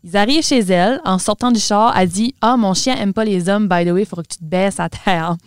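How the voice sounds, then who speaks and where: Québécois woman podcast co-host, smooth clear voice, dry close sound, lively storyteller mixing in English. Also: mid-range voice, fairly quick, dry recording. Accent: Québécois French. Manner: mixes English words into French, animated storyteller. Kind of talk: casual storytelling chat.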